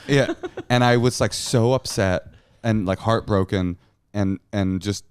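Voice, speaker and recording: Man, lowish voice, wry casual podcast banter, comic storytelling, dry close sound. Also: unhurried, clean tone, no echo. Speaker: podcast co-host.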